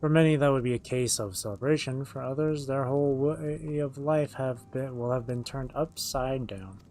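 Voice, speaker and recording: A man's voice: medium pitch, moderate pace, darkish tone, slight background noise. A man streaming a game, reading its written dialogue aloud and acting it out as he goes. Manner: acts out the written dialogue as they read.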